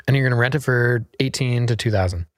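A man in his thirties hosts a casual podcast with a mid-pitched voice, recorded close and dry. He talks brashly and emphatically, teasing his guest. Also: quick pace, no echo. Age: 30s. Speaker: podcast host.

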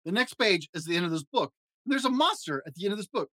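A man's voice: high-pitched, expressive, quick pace, sharp tone, no echo, voice pushed up. A man voicing a lovable, nervous furry monster who begs and frets in a storybook reading. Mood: pleading. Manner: fretful, begging, dramatic exclamations.

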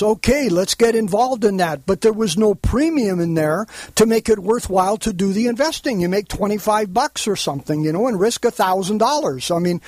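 A man hosting a radio interview, talking in a halting way with repeated words and eager interest. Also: sits high, dry recording. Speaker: radio show host.

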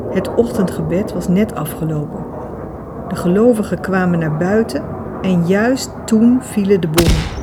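A woman reading a novel aloud in steady, measured audiobook narration. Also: on the low side, noisy background. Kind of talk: scripted narration.

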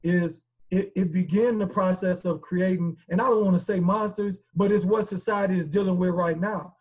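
A man with a high, husky voice speaks as a podcast guest. He talks earnestly and loosely, looping back with fillers and repeated words. The tone stays conversational throughout. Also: fairly even intonation, moderate pace, a little mellow.

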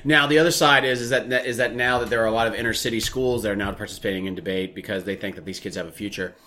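Rambling, crude young podcast host. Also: male voice, fairly low pitch, very fast. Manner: rambling, animated storytelling with vulgar jokes. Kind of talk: casual crude podcast banter.

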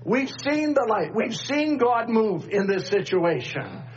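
A middle-aged pastor preaching a sermon at a pulpit microphone, repeating refrains and calling for amens. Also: male voice, sits high, very animated, a little slow. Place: church sanctuary, at a pulpit microphone. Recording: dull church recording with faint hum.

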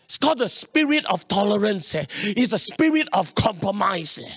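A man's voice: high-pitched, big pitch swings, normal speed, fairly bright tone, husky, dry recording. A man with a Singaporean accent preaching a sermon in colloquial Singlish, emphatic and repetitive, telling personal stories and seeking responses from his listeners. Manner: colloquial Singlish with particles like leh, eh and huh; emphatic, repeats phrases and seeks audience response. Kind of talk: sermon with personal anecdotes to a congregation.

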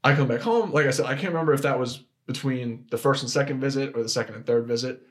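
Young man, podcast guest, casual storytelling, frequent restarts, filler words, average pitch. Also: quick pace. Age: young adult.

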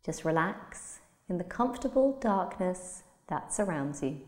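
A woman leads a guided relaxation in a soft, soothing voice, taking her time over every phrase. Her tone is warm and mellow, and the sound carries a long, roomy reverb as if in a large hall. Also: lowish voice, lively intonation. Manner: slow, soothing, soft-spoken delivery. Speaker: meditation guide.

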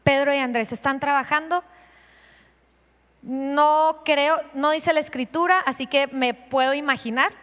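A long reverb tail trails this woman pastor's high-sitting voice as she preaches a little slowly. Her sermon is lively, full of questions for the congregation and acted-out scenes.

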